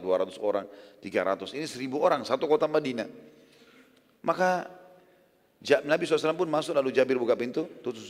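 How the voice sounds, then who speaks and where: A man preaching in Indonesian-language sermon style, retelling a story in a lively way and acting out the people in it. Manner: animated retelling, acting out lines with rising pitch and volume. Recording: long hall reverb.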